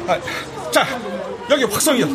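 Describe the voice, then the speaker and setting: A man's voice: very high-pitched, normal speed, a crowd in the background. A man playing a cautious rescue team leader. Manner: calm, cautioning.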